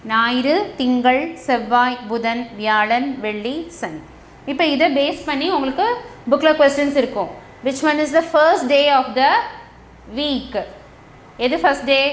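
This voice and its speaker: A woman with a Tamil accent teaching a lesson to young children. She switches between Tamil and English and spells out words letter by letter. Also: sits high. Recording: echoey room with faint noise.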